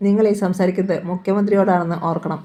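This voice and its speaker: A woman's voice: on the low side, fairly even intonation, fast talker, dark tone, highs cut off, close to an everyday voice. A woman reading the part of an arrogant male chief minister, smug and threatening, in a storybook reading. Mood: menacing.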